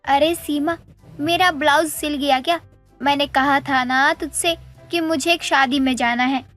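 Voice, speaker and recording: A woman's voice: high voice, fairly even intonation, unhurried, a bit bright, soft background music. A woman voicing a proud, bossy middle-aged neighbor aunty in a cartoon story, talking in a scolding way. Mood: chatty.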